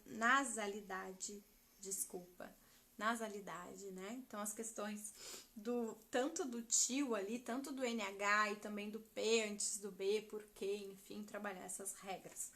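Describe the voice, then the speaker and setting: Thirties woman, animated teacher-trainer on a live stream; high, bright voice. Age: 30s. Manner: chatty, animated, addresses viewers as "gente". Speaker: literacy teacher educator.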